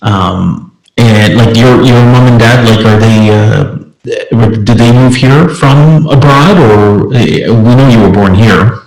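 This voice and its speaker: A man's voice: fairly low pitch, slow, darkish tone, reverberant, faint music behind, low-quality recording. A man co-hosting a casual podcast chat, curious and asking lots of questions. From Canada, of Filipino parents. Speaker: podcast co-host.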